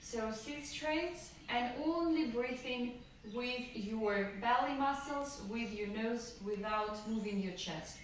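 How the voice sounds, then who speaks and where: Slow and calm, a yoga teacher gently guides her live-streamed class from a room at home in a slightly high voice. Because a camera records her from a distance, the room sounds echoey, her voice is far from the mic, and there's faint noise.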